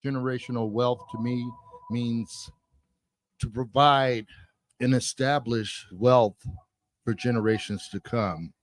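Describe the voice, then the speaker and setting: A man giving a halting, thoughtful, unscripted testimonial for a public service announcement. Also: medium pitch, fairly even intonation, dry recording, poor audio. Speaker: community member giving an opinion.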